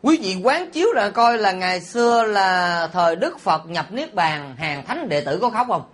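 A man, a Buddhist monk preaching a sermon. He is animated and teasing, and often puts rhetorical questions to his listeners. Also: high-pitched, normal speed. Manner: teasing and humorous.

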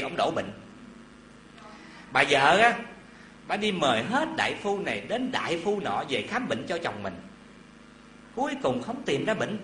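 A man giving a Buddhist dharma talk, telling a story in an animated, folksy way with asides to his listeners. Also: a little high, a little hiss or hum. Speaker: Buddhist preacher. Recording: echoey hall with faint ambience.

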